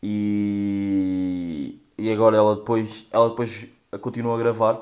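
A man's voice: on the low side, level tone, a little slow, a little mellow. Profane young Portuguese man ranting. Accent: European Portuguese. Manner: profane, rambling, mocking. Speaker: host reacting to social media clips. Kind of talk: casual commentary.

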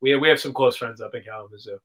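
Fast-talking man in his thirties. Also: medium pitch. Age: 30s. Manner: animated storyteller, lots of "like" and "man". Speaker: band member, guest. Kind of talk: casual chat.

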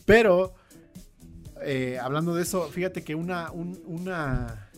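A man's voice: fairly high pitch, unhurried, faint music behind. A man with a Mexican Spanish accent, co-hosting a podcast and telling stories in loose, profane casual chat. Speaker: podcast co-host.

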